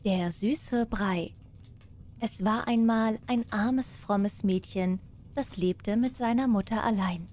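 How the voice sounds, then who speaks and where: A woman narrating bedtime fairy tales as an audiobook storyteller, in a warm, gentle manner. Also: medium pitch, slow pace.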